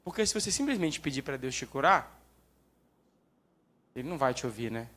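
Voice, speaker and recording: A young man with a Brazilian Portuguese accent giving a lively, joking sermon talk at church. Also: mid-range voice, brisk. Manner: lively, jokes and acts out quoted prayers. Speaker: church speaker.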